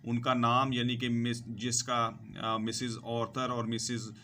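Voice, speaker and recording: A male English teacher works slowly through a vocabulary lesson over slides, giving word meanings and listing synonyms one at a time while repeating "ठीक है जी". His mid-range voice barely moves in pitch, sounds sharp and unhurried. A little hiss or hum sits in the background.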